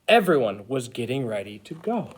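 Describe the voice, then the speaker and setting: A man playing an eager, childlike Christmas elf who reads a picture book to children in an expressive, exaggerated way. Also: mid-range voice, moderate pace, a little hiss or hum, close to an everyday voice. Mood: eager storytelling. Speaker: storyteller reading to children. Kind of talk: animated picture-book read-aloud.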